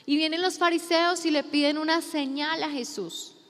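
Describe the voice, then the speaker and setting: A woman's voice: high-pitched, fairly even intonation, moderate pace, fairly bright tone. A woman preaching a sermon, playfully acting out Bible scenes in quoted voices. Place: church hall. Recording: church hall reverb.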